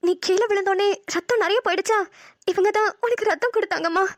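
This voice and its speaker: Fields: Sex: female performer. Figure: a woman voicing a calm, caring middle-aged mother in a cartoon. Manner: soothing. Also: very high voice, fast, dry recording, clean studio sound. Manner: soothing, reassuring.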